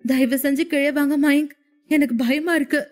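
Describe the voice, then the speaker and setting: A frightened young wife in a spoken storybook, pleading and shaky with tears, as a woman narrator puts her on. Her voice climbs high when the fear takes hold. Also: steady tone, moderate pace, darkish tone, lightly acted.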